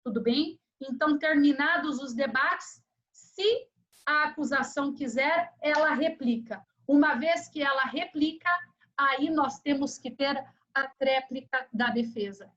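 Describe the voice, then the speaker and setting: A woman's voice: high voice, measured pace, lo-fi sound. A Brazilian woman teaching an online law class, explaining procedure and checking in with her students as she goes. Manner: lively storyteller, acts out quoted voices, checks in with students. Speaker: law lecturer. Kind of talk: online lecture with anecdotes.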